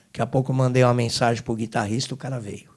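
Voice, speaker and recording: A middle-aged man recounts a hard trip as a guest on an interview show. His voice sits at an ordinary male pitch. He jumps from loud, pressing emphasis to hushed, low-voiced asides as the story turns. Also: little pitch movement, racing. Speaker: guest singer. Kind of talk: emotional storytelling testimony.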